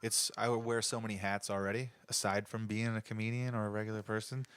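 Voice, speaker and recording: A man with a slightly low voice hosts a podcast in a loose, informal way. The sound is dry, with no room echo. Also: flat delivery, quick pace, fairly bright tone, clear, resonant tone. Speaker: stand-up comedian, podcast host. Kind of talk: casual chat.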